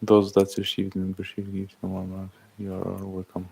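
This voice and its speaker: A man in his thirties from Algeria, chatting casually on a livestream, reading out and thanking viewers' comments in halting speech. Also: deep voice, monotone, vocal fry, darkish tone, husky. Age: 30s. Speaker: livestream host. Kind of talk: casual live-stream chat.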